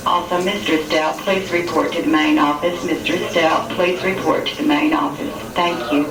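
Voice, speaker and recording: A school office announcer reading a schedule change over the intercom in an even, businesslike way. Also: mid-range voice, normal speed, crowd noise. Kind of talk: public announcement. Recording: echoey intercom heard from far off, noisy.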